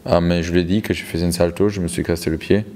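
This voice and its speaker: This man interprets a testimony in real time, talking very fast in a low, warm voice with fairly even intonation. He hesitates and keeps repeating and rewording phrases, all heard through a long hall reverb.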